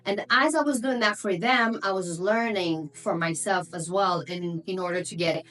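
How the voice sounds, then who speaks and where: A Moroccan-born woman in her thirties, raised in Belgium and not a native English speaker, vlogs straight to camera as a vlogger and entrepreneur. Her voice is on the low side and sharp, at a moderate pace, upbeat and conversational with frequent fillers, though the audio quality is poor.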